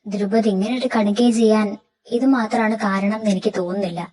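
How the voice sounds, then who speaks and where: A woman voicing a doctor who calmly explains a patient's death in a fan audio drama. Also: mid-range voice, far from the mic, lightly acted, low-quality recording. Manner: measured, explanatory.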